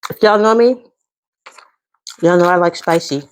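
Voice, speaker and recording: Here the same kind of speaker, a middle-aged American woman hosting a mukbang, speaks a little slowly in a fairly low voice. Between bites she chats casually with viewers and makes small "mm" sounds of enjoyment.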